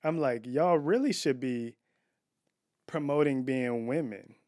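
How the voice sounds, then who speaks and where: A man's voice: mid-range voice, takes it slowly, darkish tone, dry recording, studio quality. A man co-hosting a casual couples podcast from home, talking in an opinionated, emphatic way. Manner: opinionated, emphatic, restarts and fillers. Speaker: podcast co-host. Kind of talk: casual chat.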